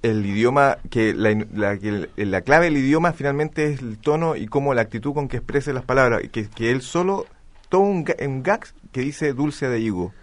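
A man's voice: medium pitch, moderate pace, dry recording. A man co-hosting a casual talk show, explaining ideas at length and restarting his sentences. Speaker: show co-host. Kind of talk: casual chat.

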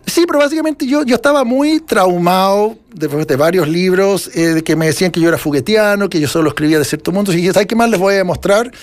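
A man's voice: sits high, fast, hardly any pauses. A middle-aged man with a Chilean accent, an author answering interview questions in a rambling, reflective way full of restarts. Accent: Chilean Spanish. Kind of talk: casual interview conversation.

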